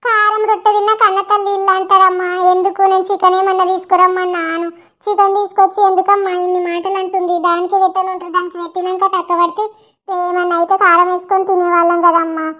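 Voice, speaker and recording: A woman's voice: very high-pitched, little pitch movement, fast talker, a bit bright. A woman playing a hurt young married sister visiting her mother, with a plaintive, aggrieved way of talking.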